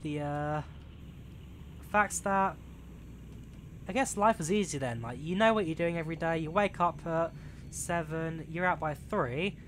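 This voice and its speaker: A man's voice: on the high side, measured pace, pauses often, fairly bright tone. A young man of about twenty from England, chatting casually with his live-stream viewers while he plays. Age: young adult, turning 20. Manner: rambling and chatty, reads chat aloud with many fillers. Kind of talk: casual live-stream chat while playing a train simulator. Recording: game train noise clearly behind the voice. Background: train simulator engine and rail sounds.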